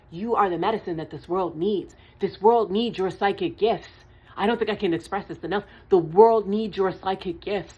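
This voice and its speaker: In a spiritual vlog monologue, a woman who reads tarot passes along a channeled message in a medium-pitched, husky voice over dull-sounding audio. She's earnest and emphatic, going back over her points and cursing in an offhand way.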